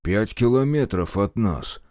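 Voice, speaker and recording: Man doing a gruff old-school partisan chief, grumbly, plain, dry sound. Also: lowish voice, expressive, unhurried, dark tone, no echo. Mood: grumbling.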